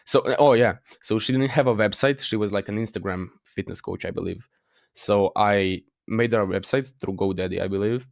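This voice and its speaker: A teenage guest with a Croatian accent speaks in a lowish, gravelly, brisk voice during a casual interview, hesitant, full of fillers and restarts, and laughing at himself. The studio-quality recording has no room sound.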